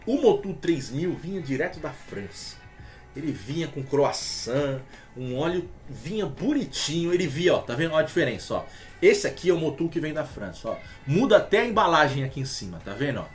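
A Brazilian man who sells motor oil, talking casually to the camera and reading a text aloud with halting restarts. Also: mid-range voice. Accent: Brazilian Portuguese. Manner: chatty, explanatory, reads aloud haltingly with restarts.

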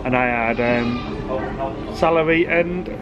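A British man in his thirties vlogs casually and playfully, filming himself on a handheld camera held at arm's length, speaking slowly in a mid-range voice. He's outdoors at a theme park zoo and in an open-sided wooden shelter, with background music and crowd noise and lo-fi sound.

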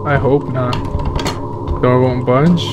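A man commentating a live horror game run, cursing constantly and trash-talking enemies. His voice sits at an ordinary middle pitch. Clear background noise runs under the talk. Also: fairly even intonation, slow pace, lo-fi sound. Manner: profane, trash-talking, reacting to scares. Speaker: streamer.

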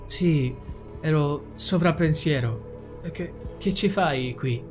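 A man voicing a young woman teacher who speaks softly and a little hesitantly, slightly above his own pitch. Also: slow, over music. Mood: tentative.

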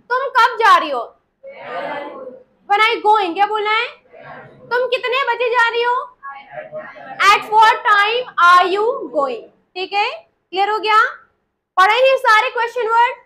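A woman teaching English grammar to a class, repeating example sentences slowly and checking that everyone understands. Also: very high-pitched, bright, forceful tone. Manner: slow, deliberate dictation of example sentences.

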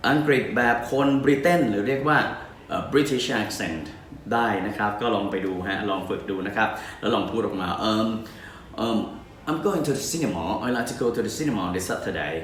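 A middle-aged man teaching pronunciation, spelling out letters and modelling deliberate example sentences. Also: mid-range voice, fairly bright tone, slight background noise. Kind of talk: pronunciation lesson. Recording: roomy, distant mic with faint ambience.

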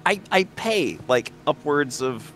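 A man with a fairly high, slightly bright voice chats casually while playing co-op games, talking slowly with big swings in pitch. Faint game music plays in the background.

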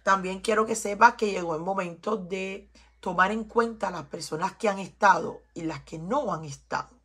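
A woman's voice: medium pitch, normal speed, fairly bright tone, slightly rough. A Cuban woman with a Cuban Spanish accent giving an emphatic, preachy tarot reading to her viewers, often repeating herself. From Cuba. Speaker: tarot reader.

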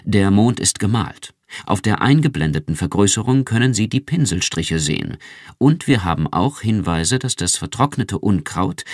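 A man's voice: low voice, no echo, studio quality, exaggerated voice. A man playing a brittle, pedantic research chief.

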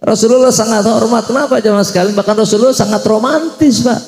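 Preacher in an echoey mosque. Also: male voice, very high voice, quick pace, a little mellow. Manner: jokey storytelling with chanted prayers. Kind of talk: humorous mosque sermon.

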